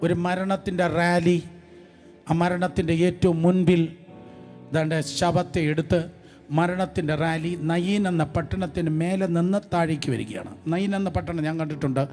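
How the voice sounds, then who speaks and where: A male preacher delivering an emphatic, repetitive sermon to a live congregation, urging them to repeat phrases back and rising to shouts on key lines. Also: high-pitched, moderate pace, soft background music.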